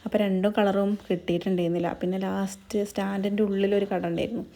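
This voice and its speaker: A woman's voice: mid-range voice, flat delivery, quick pace, dark tone. A young woman narrating her family vlog in a casual, chatty voice-over, tagging friendly asides onto her sentences. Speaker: vlogger.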